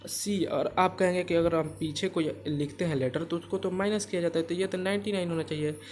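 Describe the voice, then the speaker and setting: A man's voice: fairly high pitch, steady tone, a little fast, a little mellow, slight background noise. A man teaching a math worksheet to children, patiently repeating himself and constantly asking "right?" to check they follow. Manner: addresses viewers as kids, patient and drawn out. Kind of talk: classroom-style worksheet explanation.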